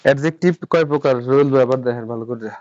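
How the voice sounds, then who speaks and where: A man's voice: medium pitch, racing, a little mellow, no room sound, highs cut off. A man teaching a live online grammar lesson, patient, repeating terms and quizzing his students. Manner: patient, repeats terms and asks the class questions. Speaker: Japanese language teacher.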